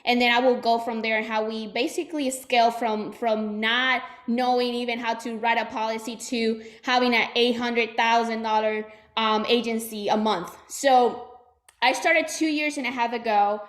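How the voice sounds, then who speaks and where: A Puerto Rican woman in her twenties who owns an insurance agency gives her team a chatty motivational training talk full of fillers and restarts, speaking with a Puerto Rican accent. Her voice is fairly high, steady in tone, and at normal speed.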